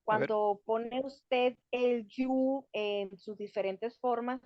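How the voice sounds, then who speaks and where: A woman's voice: on the high side, steady tone, slow pace, no echo. A woman student in an online class, asking about a doubt in a hesitant, thinking-aloud way. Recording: dull, lo-fi call audio.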